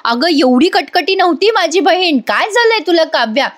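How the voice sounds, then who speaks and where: A woman's voice: sits high, normal speed, natural voice. A woman voicing an angry young married woman who scolds her younger sister, read out in a serial recap. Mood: scolding. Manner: scolding, reproachful. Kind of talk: retelling a serial's dialogue.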